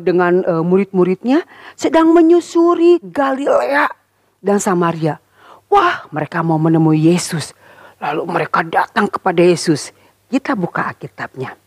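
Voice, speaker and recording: A woman teaching Sunday school, telling a Bible story to children in a lively, expressive way and speaking straight to the kids. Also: lowish voice, husky, dry recording, clean studio sound. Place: church.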